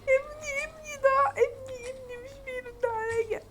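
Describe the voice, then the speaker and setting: A frantic game mother with an Egyptian accent, wailing in a voice pitched far above her own. She sobs and shrieks loudly over a lost grown son, nearly hysterical. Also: steady tone, moderate pace. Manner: wailing, sobbing, shrill and loud.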